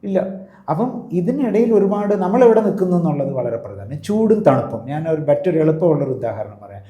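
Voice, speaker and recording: A man of the clergy explains in an interview, teaching step by step and pausing to check that he is followed. His voice is very dark and mellow. It is recorded in a room with noticeable echo. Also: fairly high pitch. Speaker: priest. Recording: roomy echo.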